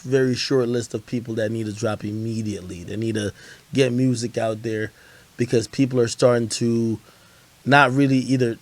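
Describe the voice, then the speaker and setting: Medium in pitch, moderately paced and fairly even in intonation, this man chats casually on a hip-hop commentary livestream. He fields viewer questions in profane, loose slang, frequently repeating himself.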